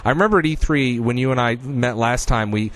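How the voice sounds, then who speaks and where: A man's voice: medium pitch, fairly quick, fairly bright tone. A man hosting a gaming show, chatting casually and putting questions to his guests. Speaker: host, interviewer.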